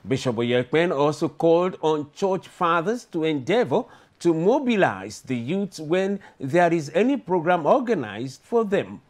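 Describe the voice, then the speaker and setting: A man reading the news formally as a studio anchor. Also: fairly high pitch. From Nigeria. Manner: formal, lively newsreader delivery.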